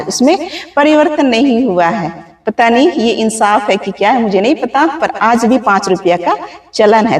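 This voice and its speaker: A woman, chatting casually to her viewers outdoors and often calling them friends. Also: on the high side. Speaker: vlogger. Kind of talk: casual vlog chat to viewers. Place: outdoors under open sky. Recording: distant, roomy-sounding mic.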